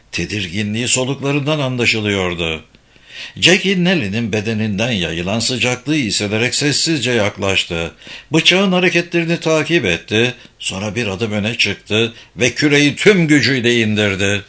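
Male audiobook narrator, bright timbre, measured suspenseful read. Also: medium pitch.

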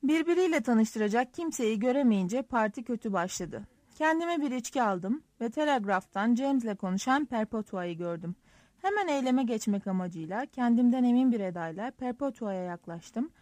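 A woman narrating a first-person audiobook in a lively, wry, self-mocking storytelling manner, close to the mic. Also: a little high, normal speed, dry recording.

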